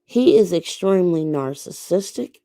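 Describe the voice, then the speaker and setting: A woman's voice: on the low side, animated, normal speed, warm tone, no room sound. An American woman giving casual opinion commentary to viewers, speaking emphatically and repeating phrases for stress. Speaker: YouTube commentator.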